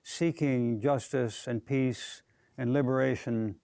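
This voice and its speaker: A man's voice: medium pitch, fairly even intonation, slow, vocal fry, dark tone, no room sound. An American man in his sixties, a community activist guest, speaking earnestly and measuredly in a TV studio interview. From United States. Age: 60s.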